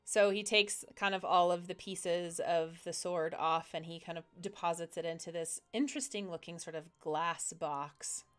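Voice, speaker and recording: A woman's voice: on the low side, steady tone, normal speed, few pauses, smooth. A woman narrating as game master in a tabletop game, describing scenes while searching for words.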